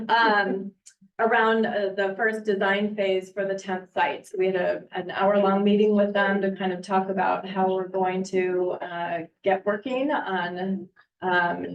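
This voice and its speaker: A woman superintendent giving a casual, chatty update at a school board meeting, often pausing with ums and uhs. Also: medium pitch. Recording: echoey, distant, muffled meeting audio.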